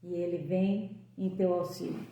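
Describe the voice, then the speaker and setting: Woman in her sixties, fervent devotional talk, warm mellow tone, very echoey room. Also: on the low side, steady tone, measured pace. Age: 60s. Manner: emotional, fervent, rising on praise.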